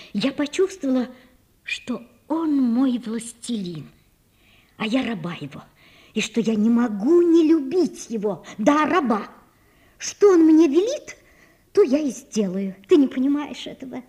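A woman voicing a passionate, lovestruck young woman who pleads and shouts in an audiobook. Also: high-pitched, slightly rough, pitched above the performer's own voice, full character voice. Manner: emotional, pleading, breaks into shouting. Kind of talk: audiobook character reading.

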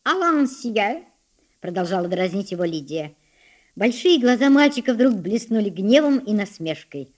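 A woman narrating classic prose aloud in an expressive, lively storytelling manner. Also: mid-range voice, moderate pace. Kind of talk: audiobook reading of classic prose.

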